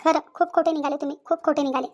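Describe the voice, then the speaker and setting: A woman's voice: high-pitched, fairly even intonation, very fast, lightly acted. A woman voicing a chatty young sister-in-law in a village cartoon, bickering and confronting.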